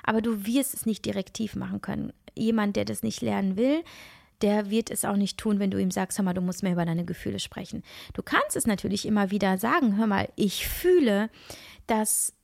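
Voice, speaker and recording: This podcast host and coach is a middle-aged woman with a cold-stuffed, nasal, creaky voice of medium pitch, talking fairly quickly. Her reflective solo show feels earnest and searching, full of restarts and gentle asides. Studio audio is clean, with no room sound.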